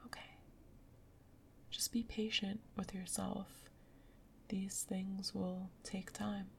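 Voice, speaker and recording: A woman whispering softly in a gentle, soothing ASMR roleplay as a caring girlfriend. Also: medium pitch, flat delivery, slow pace, vocal fry, slight background noise. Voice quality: soft whispery. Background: rain sounds.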